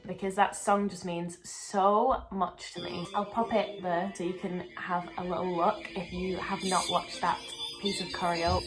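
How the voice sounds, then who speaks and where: A woman's voice: fairly low pitch, low-quality recording. A young woman, a dancer and choreographer answering viewer questions in a chatty, upbeat vlog and laughing often. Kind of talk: casual Q&A vlog.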